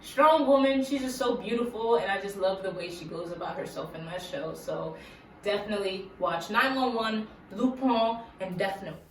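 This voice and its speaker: A young YouTuber from Massachusetts, medium-pitched with lively intonation, chats at a normal pace in a casual, giggly Q&A vlog packed with "like." The room is echoey, the mic sits at a distance, and there's a faint hiss.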